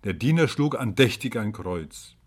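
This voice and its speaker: A man's voice: on the low side, lively intonation, unhurried, breathy edge. A man reading a spooky story aloud, dramatic and rising to cries at tense moments. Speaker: narrator.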